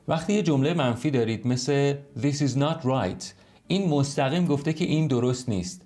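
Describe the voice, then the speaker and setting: A man's voice: mid-range voice, darkish tone. Man teaching English in Persian. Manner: explains patiently, slows right down to model English sentences. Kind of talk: online language lesson.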